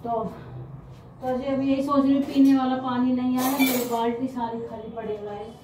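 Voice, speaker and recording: A woman chatting casually to her viewers in a home vlog, speaking slowly because of sore mouth ulcers. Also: sits high, flat delivery, roomy sound, distant mic, noisy background. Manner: chatty, often addresses viewers as guys. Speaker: family vlogger.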